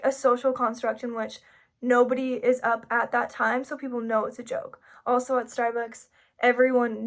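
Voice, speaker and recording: A young woman, a psychology student, giving a casual class presentation and filling her sentences with "like.". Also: a little high. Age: young adult. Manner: frequent "like" fillers, chatty and informal.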